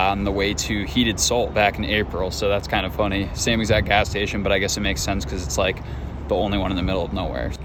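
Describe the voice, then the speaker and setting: A man's voice: on the low side, background noise. A man vlogging casually from his car on a road trip, chatty and laid-back, swearing now and then. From Boston. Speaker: sneaker vlogger. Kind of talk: casual vlog narration.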